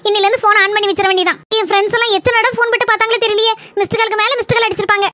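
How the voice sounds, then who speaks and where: A woman's voice: very high voice, very fast, no room sound, clean studio sound. A woman with a Kanyakumari Tamil accent voicing an obedient, chatty young daughter in a cartoon. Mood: chirpy. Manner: meek replies, excited chatter. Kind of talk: cartoon voice acting.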